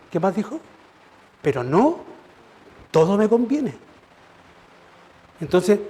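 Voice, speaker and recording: A man's voice: sits high, darkish tone. A man preaching as pastor, conversational and asking rhetorical questions. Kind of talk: sermon. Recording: church service.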